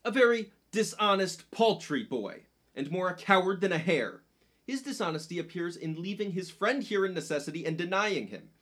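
A man's voice: high-pitched, animated, normal speed, a bit bright. A man playing a rowdy, boisterous knight in a stage play, teasing and blustering. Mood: scheming.

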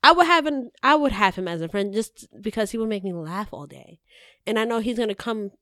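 Woman, casual chat, animated, acts out lines, dry close recording. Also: fairly high pitch, brisk, no echo. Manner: animated, swearing, acts out quotes.

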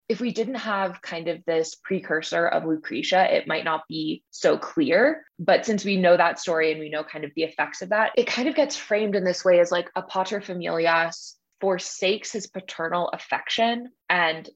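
A young woman tells a story with lively, slangy enthusiasm, her pitch sitting a bit low. Her voice comes through dull and lo-fi, with the highs muffled. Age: young adult. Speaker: podcast guest, graduate student. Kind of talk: casual chat.

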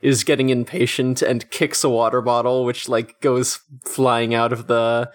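A man talking through an episode in a loose, rambling way, leaning on fillers as he goes. His pitch sits in an ordinary middle range. It is a relaxed podcast chat among friends. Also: a little slow. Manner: loose, filler-heavy storytelling with swearing. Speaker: podcast co-host. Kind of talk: casual recap chat.

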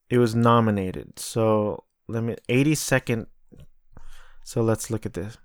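A man's voice: mid-range voice, no echo, clean studio sound. A man talking casually on his own about films he has and hasn't seen, rambling and correcting himself as he reads from notes. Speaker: vlogger reviewing films. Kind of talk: casual solo commentary.

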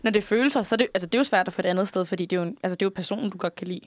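A woman's voice: mid-range voice, no echo. Frank young Danish woman, dry mic. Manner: frank, chatty, quick to agree and react. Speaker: podcast co-host. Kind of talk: casual chat.

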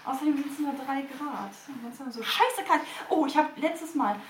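A woman's voice: sits high, normal speed, roomy sound, slight background noise, rough recording. A woman podcast host chatting casually while getting dressed, singing bits and laughing, swearing playfully.

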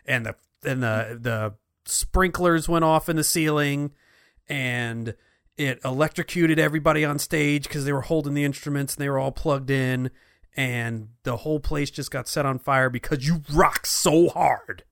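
A man's voice: a little high, moderate pace, vocal fry, a bit bright, no echo. Playful male podcast co-host, dry sound. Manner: playful, spins out absurd stories. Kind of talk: casual chat.

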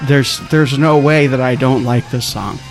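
A man's voice: mid-range voice, fairly even intonation, unhurried, soft background music. Joking, swearing man co-host. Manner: joking, swears freely, enthusiastic. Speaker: podcast co-host. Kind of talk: casual chat.

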